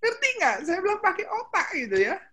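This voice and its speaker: A woman's voice: extremely high pitch, sing-song, fast, pushed and bright. An older woman giving a chatty, storytelling sermon to a women's meeting, slipping into English phrases now and then. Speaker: speaker at a women's ministry meeting.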